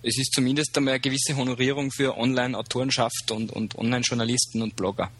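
Man, Upper Austrian accent, husky voice, hesitant casual talk, plenty of fillers. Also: mid-range voice, little pitch movement, fast talker, a bit bright. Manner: hesitant, many fillers and restarts. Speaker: guest, social media consultant.

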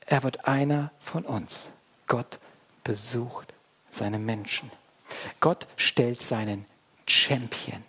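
A pastor preaches a sermon straight to his congregation, swinging between hushed, quiet passages and loud, excited ones. His mid-range voice is slightly rough and slow, with long pauses.

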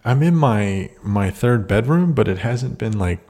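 A man's voice: mid-range voice, expressive, measured pace, warm tone. A man co-hosting a podcast in a casual, laid-back way, rambling and trailing off, his voice echoing around an empty, undecorated spare bedroom. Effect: echoey sound from a bare, undecorated room. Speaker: podcast co-host. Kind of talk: casual chat.

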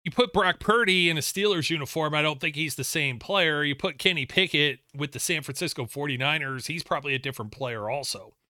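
Bright hoarse-throated man talking football. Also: fairly high pitch, fairly quick, few pauses, no room sound, clean studio sound. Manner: rambling, restarts often. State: losing his voice, sore throat. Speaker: podcast co-host. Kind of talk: casual sports talk. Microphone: desk mic with mute button.

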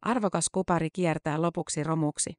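A woman reporter reading a scripted news-feature narration in a measured, matter-of-fact way. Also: low-pitched, no room sound, studio quality.

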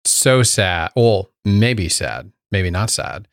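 A man's voice: lowish voice, slow, no room sound, clean studio sound. A man co-hosting a podcast, chatting enthusiastically about a TV series and acting out his reactions. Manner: enthusiastic, animated retelling with acted asides. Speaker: podcast co-host. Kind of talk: casual chat about a TV series.

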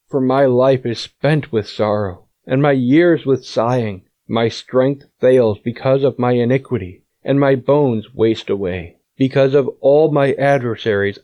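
Man, scripture reading, measured solemn delivery, dry close sound. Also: mid-range voice, dry recording. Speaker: scripture reader. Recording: dull lo-fi audio.

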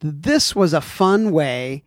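A man co-hosts a casual podcast, chatting in a loose, joking way full of fillers and restarts. His voice sits a little high for a man. The sound is dry and close to the mic, with no room around it. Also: lively intonation, slow, no echo. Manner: chatty, jokey, rambling with fillers. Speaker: podcast co-host.

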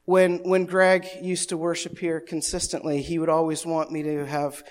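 High-voiced male pastor preaching. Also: normal speed. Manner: lively preaching, swinging between soft prayer and loud emphasis; playful asides and self-teasing humor. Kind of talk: sermon. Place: church service.

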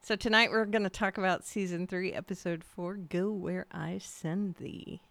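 A woman's voice: on the low side, fairly even intonation, normal speed, creaky, fairly bright tone, no room sound. A woman co-hosting a casual podcast, chatty and self-mocking, often breaking into giggles. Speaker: podcast co-host. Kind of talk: casual chat.

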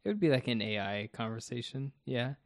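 A man's voice: medium pitch, animated, fairly quick, dry recording, clean studio sound. A man co-hosting a casual podcast, talking through his thoughts about a TV episode one step at a time. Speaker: podcast co-host.

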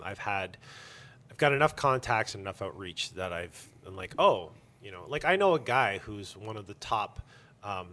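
This male interview guest runs a comic book store and speaks in a low, bright voice with a forceful tone. The conversation is casual, and he comes across as frank and playful, stressing his points and now and then getting crude.

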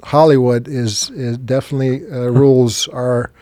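A man's voice: mid-range voice, steady tone, moderate pace, warm tone, dry recording. A man, an English speaker, talking enthusiastically as an interview guest with fillers and restarts. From Serbia. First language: Serbian. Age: 40s. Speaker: guest, business banker. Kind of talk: interview conversation.

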